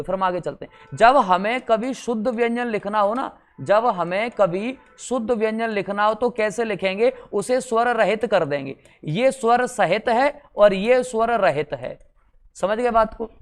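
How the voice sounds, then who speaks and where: A high-pitched male teacher leads an exam-prep grammar lesson, drilling syllables in chanted rows, cracking jokes and saying "theek hai" again and again.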